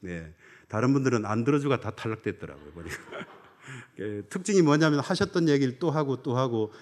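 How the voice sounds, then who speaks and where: A middle-aged man from Chungcheong preaching a sermon as a pastor, building to loud emphatic peaks and dropping to low, soft asides. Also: lively intonation, a little fast. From Chungcheong, Korea.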